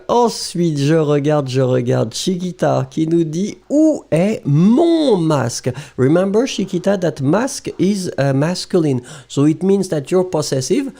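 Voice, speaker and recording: A man's voice: fairly high pitch, gravelly, warm tone. A man who is a native French speaker, teaching a live lesson, reading out viewer comments and explaining them in English with frequent chuckles.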